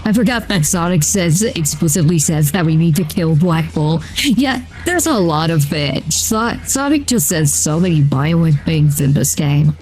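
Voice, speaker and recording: Over soft background music and a rough recording, a streamer with a medium-pitched voice changer voice talks unhurriedly during a video game. It's laid-back, rambling gameplay chatter, thick with "uh" and "like."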